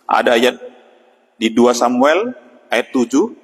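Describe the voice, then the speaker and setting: A man's voice: medium pitch, sing-song. Man preaching an evening devotional, reverberant. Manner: unhurried, with frequent "ya" and pauses. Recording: long hall reverb.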